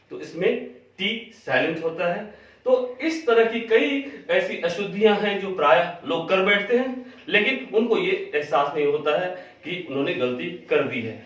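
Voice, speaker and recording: A man teaching English pronunciation in a spoken lesson, spelling words out letter by letter and repeating the correct form slowly. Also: fairly high pitch. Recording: very echoey, distant, dull sound.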